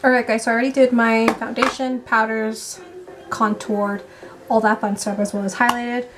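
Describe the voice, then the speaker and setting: A young woman chatting excitedly and quickly through a casual makeup vlog at home. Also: a little high, background noise. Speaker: vlogger.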